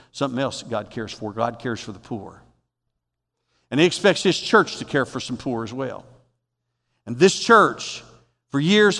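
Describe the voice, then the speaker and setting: A man preaches from the pulpit in a folksy, emphatic manner, his voice sitting a little high for a man. The sound carries a long reverb from the church sanctuary around him. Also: a bit bright. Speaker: pastor. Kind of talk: sermon.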